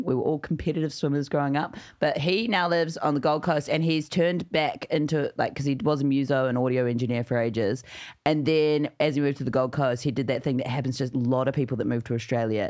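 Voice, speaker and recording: A woman guest on a podcast, telling family stories in casual chat, laughing often and pausing with fillers. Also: a bass voice, a little mellow. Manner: chatty storyteller, laughs often, many fillers.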